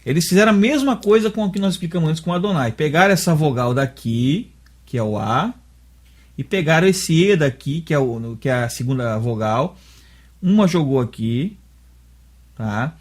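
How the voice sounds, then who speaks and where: A Brazilian man with a somewhat high, husky voice walks through a religious lesson point by point. He keeps pausing to check that his listener is following. His delivery is conversational and patient. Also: animated. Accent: Brazilian Portuguese. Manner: explains step by step, often checks understanding with tag questions. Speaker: religious teacher. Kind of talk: explanatory dialogue lesson.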